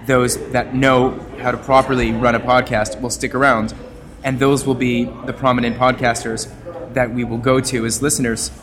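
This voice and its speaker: Canadian guy guesting on a podcast, talks a lot, expressive, mid pitch, likes to play w his voice. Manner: expressive, wordy, plays with his voice. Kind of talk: casual interview talk.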